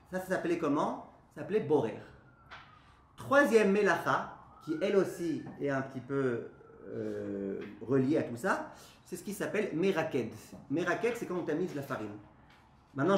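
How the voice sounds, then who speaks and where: An animated man teaches a live class as a rabbi, firing questions at his listeners and answering them himself. His voice sits a little high. The room is echoey, with a faint hiss underneath. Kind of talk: lively spoken Torah lesson.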